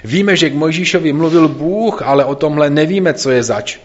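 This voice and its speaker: A man's voice: fairly high pitch, close to an everyday voice. A man voicing hostile religious leaders questioning and scolding a healed man, in a slightly dull recording. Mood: accusing. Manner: accusing, interrogating.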